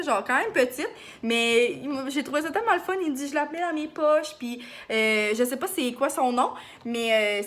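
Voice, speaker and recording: A young woman with a Beauce Quebec accent chatting to camera in a fast, excited way, full of fillers. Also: high voice, slight background noise. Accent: Beauce Quebec French. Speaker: vlogger. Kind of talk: casual chat to camera.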